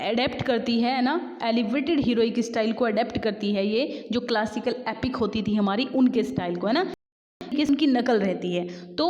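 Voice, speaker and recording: Woman tutor, casual exam-prep lesson, slightly high voice, long room reverb. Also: a little mellow. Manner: chatty, addresses viewers as guys, reads questions slowly. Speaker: English literature teacher. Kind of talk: exam-prep lesson in Hindi-English mix. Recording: dull lo-fi sound with long reverb.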